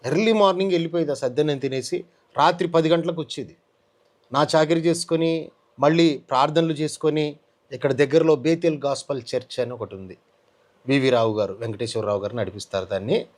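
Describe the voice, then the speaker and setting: Slightly high-voiced man, earnest testimony teller who acts out quoted dialogue. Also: a little fast, a little mellow. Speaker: testimony guest. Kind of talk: personal testimony interview.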